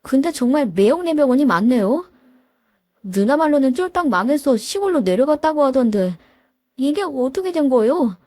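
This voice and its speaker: Brief: woman playing a polite, anxious young man asking for money, high and dry. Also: sing-song, normal speed, mellow, no room sound. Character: desperate young man, brother-in-law.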